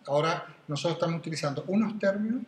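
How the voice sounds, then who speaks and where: A man's voice: fairly high pitch, very fast. Echoey man lecturing. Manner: digressive, questioning, many tag questions. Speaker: philosophy teacher. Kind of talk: classroom lecture. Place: classroom. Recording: echoey room with faint noise.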